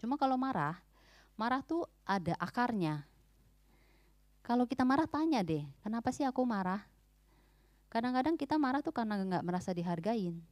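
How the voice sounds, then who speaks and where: A woman's voice: fairly high pitch, very animated, a little fast, long pauses, darkish tone, no room sound. A woman giving an informal, emphatic church talk on parenting, often mixing English words into her speech.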